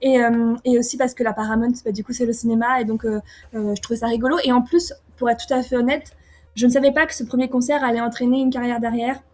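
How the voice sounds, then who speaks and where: A young woman from France answering interview questions casually, often pausing with fillers and restarting her sentences. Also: a little high, fairly even intonation, a little mellow. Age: young adult. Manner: hesitant, many fillers and restarts. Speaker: singer-songwriter guest.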